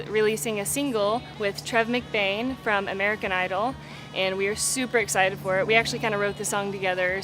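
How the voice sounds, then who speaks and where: A young adult singer-songwriter talks casually and candidly in an interview, sprinkling her speech with "like" and "you know." Her voice is mid-range, and the recording quality is low.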